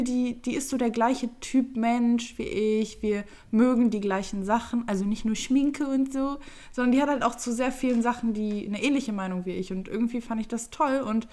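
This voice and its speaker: A woman's voice: a little high, a little mellow. A woman in her twenties from Düsseldorf, co-hosting a podcast and telling stories in a chatty, playful way. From Düsseldorf, Germany. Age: 20s. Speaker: podcast co-host. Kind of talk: casual chat, storytelling.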